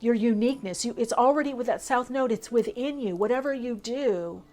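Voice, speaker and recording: A woman's voice: a little high, a little fast, darkish tone. A woman reading tarot for her viewers, talking in a flowing, spiritual way with fillers and long trailing lists. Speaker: tarot reader.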